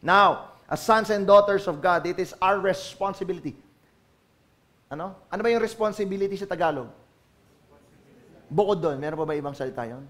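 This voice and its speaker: A man with a Filipino accent, a pastor preaching a sermon to a church congregation, swinging from hushed asides to loud, emphatic calls. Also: high voice, moderate pace, long pauses. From Philippines.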